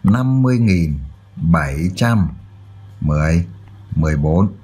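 A man's voice: low voice, lively intonation, unhurried, warm tone, breathy edge. A man tutoring children through a math exercise, explaining step by step and often checking that they follow. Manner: checks in often with "được chưa?".

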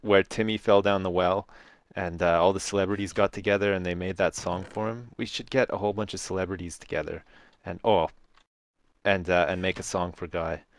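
Male gaming co-host, lowish voice, casual and joking, rambling, sweary, mock-dramatic delivery. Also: fairly even intonation, fairly quick, no echo. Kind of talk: casual, jokey gameplay commentary.

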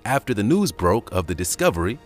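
A man reading a scripted countdown video narration in a lively storytelling manner. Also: fairly low pitch, fairly quick, faint music behind.

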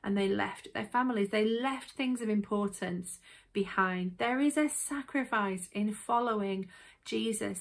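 An earnest woman with a Yorkshire accent leads a weekly devotional, speaking at a middle pitch. She talks in a reflective way and keeps turning questions back to the listener. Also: fairly bright tone. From England. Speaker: devotional host. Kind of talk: devotional talk.

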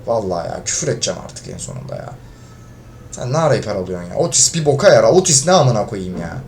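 A gaming video creator commentates on his own gameplay in a lowish, gravelly voice, talking fast with huge swings in pitch. He grows frustrated, swears at his teammates and shouts when losing, and a little hiss or hum runs through the recording.

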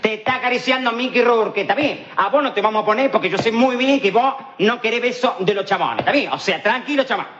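A man's voice: high-pitched, animated, fast talker, hardly any pauses. A man with a Rioplatense accent playing a cocky streetwise hustler in a TV comedy sketch, rambling in heavy slang and checking again and again that he's understood. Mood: swaggering. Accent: Rioplatense Spanish. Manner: rambling, slangy, swaggering, keeps asking "all right?". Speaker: comic actor in a TV sketch. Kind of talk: TV comedy monologue in character. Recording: dull lo-fi 1990s TV tape with faint hiss.

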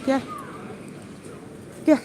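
Worn out from a long trip, a channel host talks very slowly to viewers on a phone live stream from her garden at night. Warm and chatty, she coaxes her dog in a high voice, with noise in the background.

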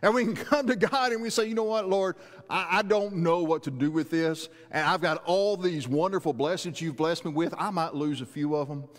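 A man's voice: on the high side, moderate pace. A middle-aged man preaching a sermon from a church stage, earnest and building to emphatic rhetorical questions as he walks about. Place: large church sanctuary. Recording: long reverb of a church hall.

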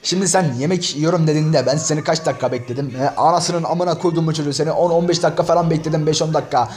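This man's voice is on the high side and darkish, delivered rapid-fire in a steady tone. He addresses his audience directly, cursing nonstop as he rants through commentary on an online insult battle he's screen-sharing.

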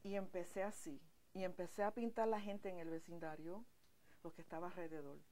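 A woman's voice: fairly low pitch, fairly even intonation, fairly quick, darkish tone. Female painter from New York, guest in her studio, storytelling, mixes English into Spanish. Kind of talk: casual interview.

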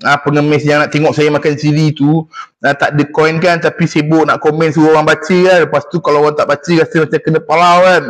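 Young man, Malaysian Malay accent, casual live-stream chat, teasing, slightly high voice. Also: level tone, fast talker. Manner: chatty, teasing, reads viewer comments aloud.

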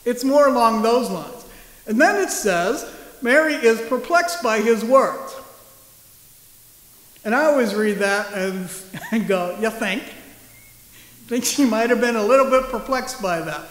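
Joking pastor in an echoey church. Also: male voice, extremely high pitch, expressive, unhurried, fairly bright tone. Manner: conversational, joking. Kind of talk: sermon.

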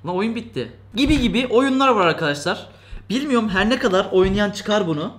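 A fast-talking man with a high-set voice reviews a gadget from his desk indoors. He chats loosely, cracks jokes and laughs often, mock-complaining along the way. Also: animated, fairly bright tone. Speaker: tech reviewer. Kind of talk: casual product review vlog.

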